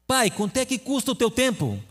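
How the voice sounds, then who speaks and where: Picture a small, pleading boy, his voice pitched up high and tumbling out in a rush, as a preacher puts him on mid-story. The sound rings with long hall reverb. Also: wildly swooping pitch, brisk, fairly bright tone, exaggerated voice.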